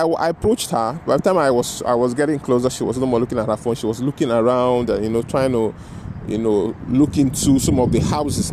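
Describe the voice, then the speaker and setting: A man's voice: medium pitch, background noise. A man telling a personal story in a loose, rambling way, often checking in with "you know" and "right?". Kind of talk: casual storytelling monologue.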